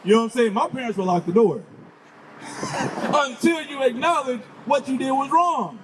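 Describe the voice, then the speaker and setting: A man's voice: very high-pitched, animated, moderate pace, noisy background. A man preaching on a city street, firing questions at his listeners and urging them on with 'come on'.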